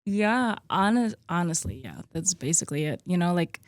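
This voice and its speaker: A relaxed woman in her mid-thirties chats about herself in a loose, friendly way, her speech full of "like" and "um". Her voice sits a little low for a woman. The sound is dry and close, with no room echo. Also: moderate pace. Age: 30s. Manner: chatty, relaxed, many likes and ums. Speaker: podcast guest, gym co-owner. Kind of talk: casual conversational interview.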